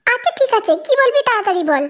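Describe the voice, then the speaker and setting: A performer voicing a bossy middle-aged mother who gives brisk orders in a fan audio drama. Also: very high voice, big pitch swings, fairly bright tone, full character voice. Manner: brisk, commanding.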